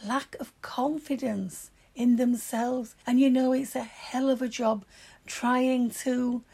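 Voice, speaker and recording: Older female, broad Yorkshire accent, husky and creaky, fairly high pitch. Plain-spoken, casual chat guest. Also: fairly even intonation, slow pace, darkish tone. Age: older, grandmother. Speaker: interview guest.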